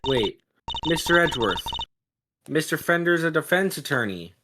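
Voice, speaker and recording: A woman voicing a bossy, plucky young female sidekick in a video game, casual and direct, over loud music. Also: sits low, animated, moderate pace, background noise. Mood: brisk. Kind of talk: live voice-acted read-through of a video game.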